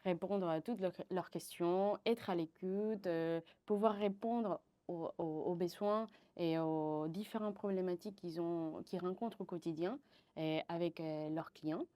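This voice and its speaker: Lowish-voiced venezuelan woman in her 20s, lots of euhs, restarts a lot. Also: a little slow, warm tone. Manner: hesitant, many fillers and restarts. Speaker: partnership manager, guest. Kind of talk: interview answers.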